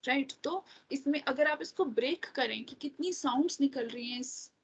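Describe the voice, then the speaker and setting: A woman's voice: sits high, moderate pace, poor audio. A woman teacher, explaining exam material step by step and often checking in with "right?". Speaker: English teacher. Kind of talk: exam-prep lecture in Hindi and English.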